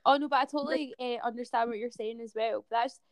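A woman's voice: a little high, fairly even intonation, a little fast, a little mellow, no room sound, studio quality. A woman of twenty-six hosting a music podcast, chatting casually and asking friendly questions. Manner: friendly, laughs often, asks follow-up questions. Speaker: podcast host. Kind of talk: casual interview chat.

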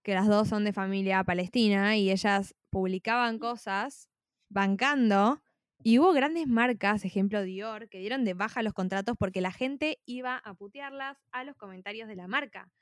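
A woman's voice: medium pitch, moderate pace, dry recording, clean studio sound. A woman with a Rioplatense Spanish accent, talking casually as a podcast co-host, with lots of fillers. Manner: conversational, many fillers like "tipo". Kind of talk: casual chat.

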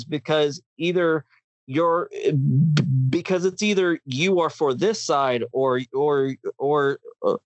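A man's voice: fairly high pitch, dry recording. A man hosting a podcast, ranting in a heated, impassioned way and often restarting his sentences. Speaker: podcast host. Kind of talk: casual podcast chat.

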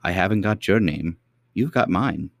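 A man voicing a kindly, very old queen who is the girl's great-great-grandmother, speaking gently and patiently. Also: deep voice, expressive, moderate pace, vocal fry, no echo. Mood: gentle.

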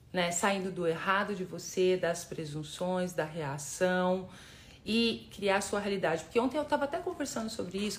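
A woman hosting a casual motivational live stream, talking straight to her viewers, emphatic and repeating words for force. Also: medium pitch. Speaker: live-stream host, personal development facilitator.

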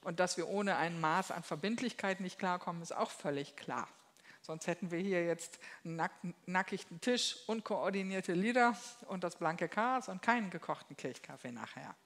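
A woman delivers a relaxed sermon from her seat at a table in a church hall. She speaks in a lively, folksy, down-to-earth way and slips into small acted voices whenever she quotes someone. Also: fairly low pitch, normal speed. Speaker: lay preacher. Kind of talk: conversational sermon.

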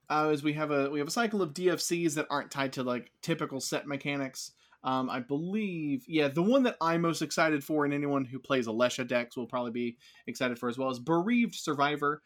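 A man hosting a casual podcast, reading out card text and giving quick, upbeat opinions on each one. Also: a little high. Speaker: podcast host.

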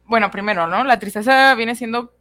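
A young adult woman, a psychologist calmly explaining emotions in a casual radio chat. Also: fairly high pitch, no echo. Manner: calm, explanatory, measured. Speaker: psychologist co-host.

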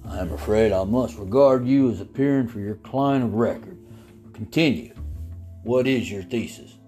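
A stern old judge speaks in a low, slow, dry voice, as a man reading a story puts him on. His tone is mellow and weighty, pitched well below a normal speaking voice. Faint music sits underneath. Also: close to an everyday voice.

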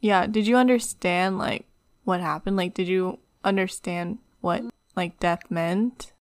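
Gentle young woman, dry and close. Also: on the low side, steady tone, unhurried, no echo. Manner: gentle and supportive, also says "like" a lot. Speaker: podcast co-host. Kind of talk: casual chat.

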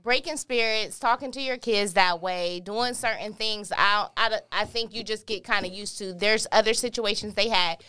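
A woman's voice: mid-range voice, moderate pace, hardly any pauses, bright, forceful tone, clean tone. A woman co-hosting a casual talk show, giving emphatic, opinionated commentary. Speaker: podcast co-host. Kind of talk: casual chat.

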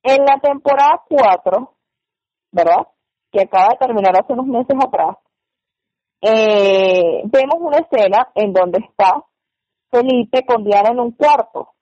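A Venezuelan woman co-hosting a radio show, telling stories in a lively, dramatic way with sudden exclamations. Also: on the high side, measured pace, no room sound. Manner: animated, dramatic storyteller with loud exclamations. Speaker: radio co-host. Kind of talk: casual radio commentary. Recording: dull, dry radio studio sound.

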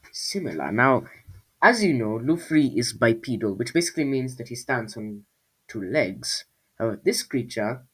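A man's voice: medium pitch, slightly rough. Rambling man reading his own story. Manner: rambling, self-mocking asides. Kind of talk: casual storybook reading with asides.

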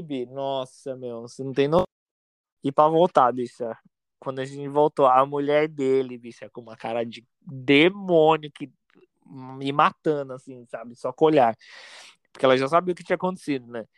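A man's voice: mid-range voice, smooth, no room sound. Campy Brazilian man spinning a story. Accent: Brazilian Portuguese. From Brazil, São Paulo state. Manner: campy, dramatic storyteller with lots of slang asides. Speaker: podcast storyteller. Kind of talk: casual chat, anecdote telling.

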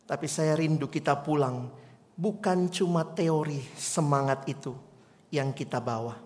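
A man's voice: medium pitch, big-room sound. A man preaching an earnest sermon and leading prayer in a church, telling a story with swelling emphasis.

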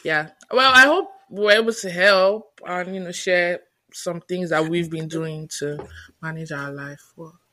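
A woman co-hosting a podcast, chatting casually with a playful, teasing edge and bursts of mock exasperation. Her voice sits at a middle pitch and is recorded close and dry, with no room sound. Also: a little slow, sharp tone, no room sound. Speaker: podcast co-host. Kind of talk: casual chat.

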